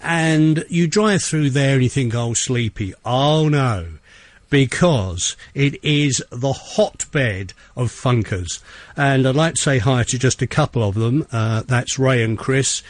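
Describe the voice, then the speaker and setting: A middle-aged man presenting a radio show in a chatty, enthusiastic way, pausing on many "uh"s. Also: medium pitch, no echo.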